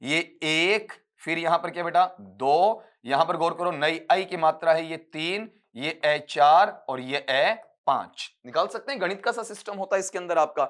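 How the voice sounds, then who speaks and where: A man teaching English phonetics for an exam. He explains step by step, addresses students fondly, and stretches words out slowly to show their sounds. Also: fairly high pitch, a bit bright. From India. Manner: patient, explains step by step, calls students "beta". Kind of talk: exam-prep lecture.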